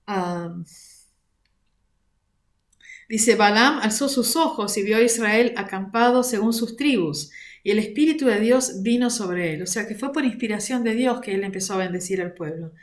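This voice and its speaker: A woman from Argentina with an Argentine accent, teaching an online Bible lesson in a measured way, using fillers like "este", recorded on a computer mic. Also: mid-range voice. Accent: Argentine Spanish. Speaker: prayer ministry coordinator teaching a class. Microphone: computer mic on a video call.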